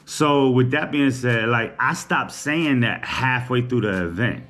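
A man's voice: medium pitch, measured pace, fairly bright tone. Laid-back man chatting to camera. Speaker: vlogger. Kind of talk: casual chat. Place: small indoor room. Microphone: camera on a table.

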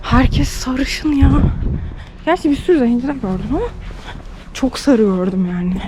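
Young woman from turkey vlogging on her phone, high chirpy voice, chatty and animated, a bit of street noise behind. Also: moderate pace. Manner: chatty, animated storytelling with laughs. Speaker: vlogger, doctor. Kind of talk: casual vlog chat. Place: outdoors on streets, walking.

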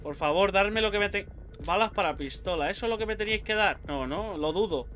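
Soft music backs a young Spanish YouTuber as he briskly comments on the horror game he's playing. His voice is high and fairly bright, and he's a jumpy player who swears and lets out yelps at every scare.

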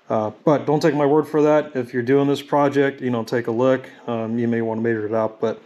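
A man talking through a mechanical repair in a home workshop, relaxed and halting with frequent fillers, recorded on a camera filming his hands. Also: medium pitch, dull audio. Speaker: mechanic demonstrating engine rebuild. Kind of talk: casual workshop tutorial. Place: home workshop at a drill press.

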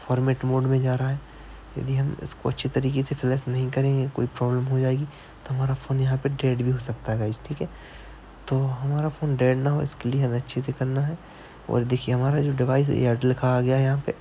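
Voicing over a screen recording, a mobile repair technician guides viewers through a phone fix on his computer, pausing to make sure they follow and tacking on "theek hai" throughout. His gravelly, mellow voice stays flat and even in pitch, with a faint hiss beneath it.

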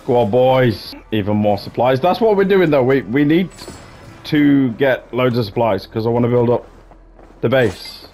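A young man giving excitable, jokey gameplay commentary, swearing often and slipping into mock-heroic asides. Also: mid-range voice, moderate pace. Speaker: gaming YouTuber.

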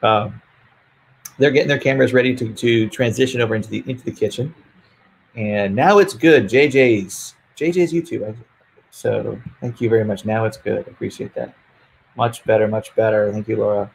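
A man chats over a video call on earbuds, relaxed and rambling with frequent laughs. His voice is husky and gravelly. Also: on the low side, normal speed. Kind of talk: casual livestream chat. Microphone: earbuds over a browser video call.

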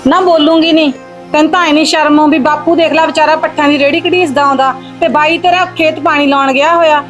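A woman's voice: high voice, fairly even intonation, fast talker, soft background music, lightly acted. A woman acting a young sister-in-law who scolds her in-laws sharply, in a village short film. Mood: scolding. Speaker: actor.

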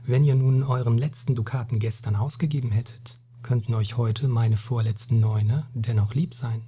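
A polite young merchant who bargains carefully and treads cautiously, as a male reader voices him. His voice is mellow and very husky, softly breathy throughout the storybook reading. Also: mid-range voice, steady tone, normal speed, natural voice.

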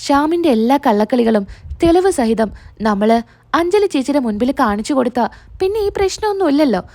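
A young husband from a soap story, gentle and reassuring toward his upset wife, read by a woman narrator in her own voice. The voice stays high and light. It is not made deeper. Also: expressive, a little fast.

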